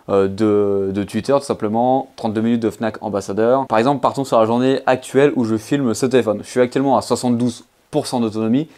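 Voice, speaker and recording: A man's voice: mid-range voice, darkish tone. A man giving a casual phone review, chatting informally and addressing the viewer directly with frequent fillers. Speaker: tech reviewer.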